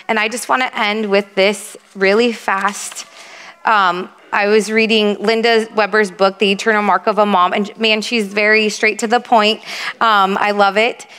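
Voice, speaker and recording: A woman's voice: mid-range voice, a bit bright, clear, resonant tone. A woman counselor and mother giving a casual, conversational faith talk to a group of moms, full of "like" and "um.". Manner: casual and quick, with frequent "like" and "um". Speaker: speaker at a women's ministry meeting, counselor and mom. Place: church meeting hall. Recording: long hall reverb.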